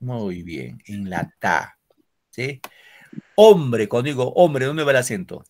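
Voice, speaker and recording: A man's voice: mid-range voice, sing-song, measured pace. A man teaching a secondary school literature class over a video call. He explains step by step, quizzes his students and tags his sentences with "no?". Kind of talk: online class lecture.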